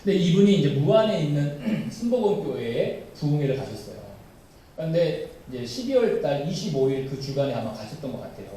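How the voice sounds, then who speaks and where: Animated pastor in an echoey church. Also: male voice, a little high, a little fast, slight background noise. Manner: animated, addresses the congregation directly. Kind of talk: sermon. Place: church sanctuary. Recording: very echoey church hall, voice from far off.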